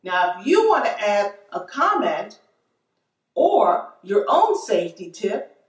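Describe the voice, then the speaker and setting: A middle-aged woman teaching a preschool lesson to camera, speaking simply, deliberately and encouragingly as if to a toddler. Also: mid-range voice, very animated. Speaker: preschool teacher and show host. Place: indoor room in front of a backdrop. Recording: roomy, echoey sound, distant mic.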